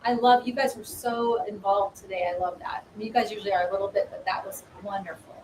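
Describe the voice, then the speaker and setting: A woman's voice: mid-range voice, fairly even intonation, quick pace, echoey room. Encouraging woman host, mic far off. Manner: warm, encouraging, preaching tone. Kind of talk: spiritual talk show hosting. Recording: distant mic, faint noise.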